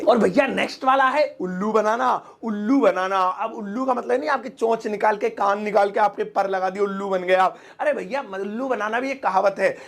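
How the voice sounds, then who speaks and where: A man teaching English idioms in a casual, playful Hindi lesson, joking and acting out examples, repeating each English phrase slowly. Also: high voice, creaky, fairly bright tone. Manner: playful, jokey, acts out example sentences.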